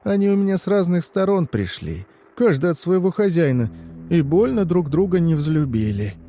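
A man putting on a shrill, creepy old woman. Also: sing-song, normal speed, warm tone. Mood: sly taunting. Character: creepy old woman tending a coffin of limbs.

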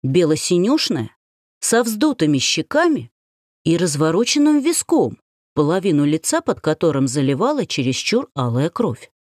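A woman narrating a first-person story aloud as an audiobook, with expressive delivery. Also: low-pitched, normal speed, no echo, clean studio sound.

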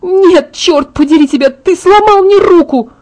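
Woman doing a furious sharp-tongued teenage girl. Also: medium pitch, moderate pace, close to an everyday voice. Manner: hissing, snapping retorts.

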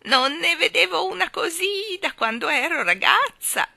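A woman's voice: extremely high pitch, expressive, vocal fry, dry recording, pitched above the performer's own voice, exaggerated voice. A woman reading aloud and voicing a fond, trembling old woman who sells balloons, stretching her words in a sing-song way. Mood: doting, wistful. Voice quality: quavering, tremulous voice. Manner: drawn-out, sing-song, loud endearments.

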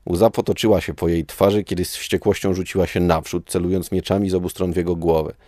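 A man reads a dramatic adventure story aloud. His voice is very low and steady, recorded dry and close with no room sound. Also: quick pace, dry recording. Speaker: narrator.

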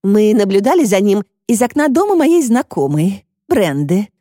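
A woman's voice: medium pitch, big pitch swings, normal speed, dark tone, no echo, studio quality, voice pushed up, close to an everyday voice. A woman reading as an outspoken eager friend.

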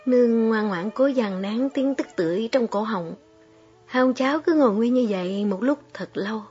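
A woman reading a story aloud in calm, measured narration. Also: on the high side, breathy edge. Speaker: audiobook reader. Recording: slightly dull recording, soft music behind.

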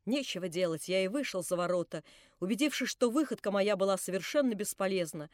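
A woman narrating a classic novel in an audiobook, measured and dramatic. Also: medium pitch, lively intonation, dry recording, studio quality. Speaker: audiobook reader.

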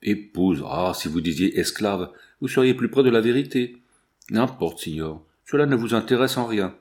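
A man voicing a hushed, anxious bandit's wife. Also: expressive, moderate pace, close to an everyday voice. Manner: low hushed caressing voice. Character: anxious secretive woman, bandit chief's wife.

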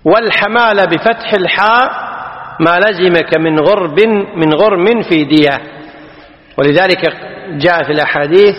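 Male teacher, high voice, echoey hall. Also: fairly bright tone, lo-fi sound. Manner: deliberate, repeats key words, quizzes the class. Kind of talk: classroom lecture on a classical text.

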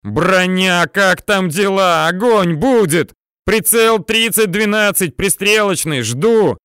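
A man's voice: a little high, unhurried, fairly bright tone, dry recording, clean studio sound, voice pushed up. A man voicing a male field commander who barks urgent orders over the radio. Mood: urgent commanding.

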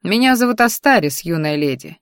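A woman's voice: fairly low pitch, lively intonation, a little fast, no echo, clean studio sound. A woman voicing a courteous, good-natured middle-aged father with a sly, teasing manner in a story. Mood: genial.

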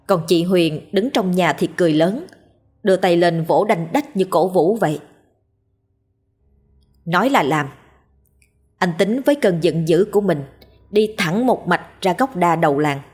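A woman narrating a ghost story in a steady, measured way. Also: fairly low pitch, husky. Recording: faint background music.

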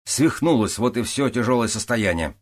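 A man's voice: medium pitch, lively intonation, normal speed, voice pushed up, natural voice. A man voicing a weary, sarcastic police captain. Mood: exasperated. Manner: stern, sarcastic, barking orders. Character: weary, exasperated middle-aged male police captain. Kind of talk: audiobook character voice.

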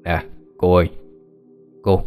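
A man voicing a gentle male Buddhist master who speaks softly and steadily. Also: slow pace, soft background music, natural voice. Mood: calm.

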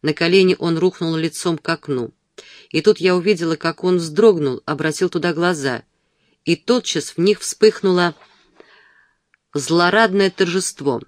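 Male audiobook narrator, fairly high voice, dry close sound. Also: moderate pace, no echo. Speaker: audiobook reader.

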